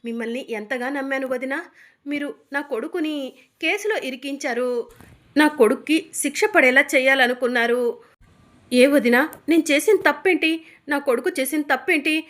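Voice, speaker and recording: A woman's voice: a little high, normal speed, lightly acted. A woman voicing a worried mother from a TV serial who pleads for her son. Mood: accusing. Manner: pleading, then accusing.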